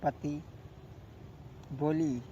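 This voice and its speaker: A man's voice: a little high, fairly even intonation, warm tone. Rural north Indian folk storyteller man, old worn tape. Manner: long drawn-out sung lines, plain spoken narration between. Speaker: folk ballad singer and storyteller. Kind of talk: sung folk storytelling with spoken narration. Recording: muffled, noisy old worn cassette tape.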